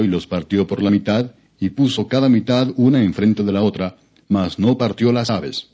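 Male narrator, lowish pitch, solemn scripture reading, measured formal delivery, slightly muffled lo-fi recording. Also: mellow. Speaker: audiobook narrator. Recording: dull, lo-fi audio.

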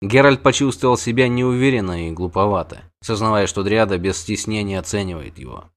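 A man narrating a fantasy audiobook in an expressive, varied reading. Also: on the low side, fairly quick.

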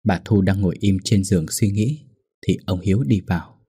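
A man narrating a spoken ghost story in a steady, somber way. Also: sits low, moderate pace, breathy edge, no echo.

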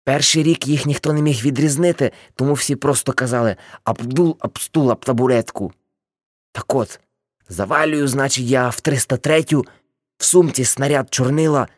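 A woman's voice: rumbling low, moderate pace, a little mellow, dry recording, clean studio sound. A woman voicing an older man, a boastful ex-hippie uncle, telling rambling brash stories in an audiobook.

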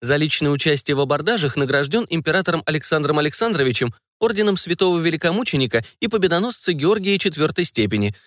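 A man voicing a confident young woman who speaks calmly and with dignity, in a dry recording. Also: fast talker, hardly any pauses, dry recording. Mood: dignified. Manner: calm, composed, slightly raised pitch.

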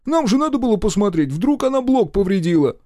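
A man's voice: high-pitched, animated, normal speed, no room sound, studio quality, pitched above the performer's own voice. A man reading an audiobook, voicing a snappy, defensive male garage mechanic. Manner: snappy, evasive.

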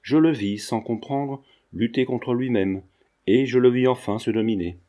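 A man narrating a literary novel as an audiobook, in a measured storytelling manner. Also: mid-range voice, warm tone. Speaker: audiobook reader.

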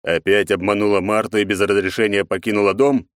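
A man playing a cold, stern emperor father who talks deliberately and growls. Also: fairly low pitch, level tone, dry recording, clean studio sound, lightly acted.

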